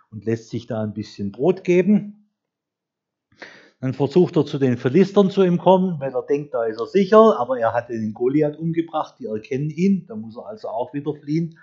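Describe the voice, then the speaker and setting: A man preaching a conversational, storytelling sermon who slows down to read scripture aloud. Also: medium pitch, expressive, warm tone, breathy edge. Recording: dull lo-fi recording.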